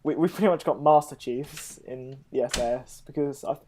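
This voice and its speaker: A man's voice: mid-range voice, normal speed, darkish tone, slight background noise. A man hosting a casual interview, often stumbling and repeating his words. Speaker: host.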